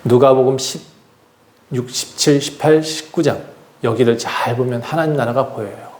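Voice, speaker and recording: A man's voice: mid-range voice, moderate pace, a little mellow, echoey room, a little hiss or hum. A man preaching a sermon as pastor of his church, earnest, acting out the voices of people he quotes. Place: church sanctuary.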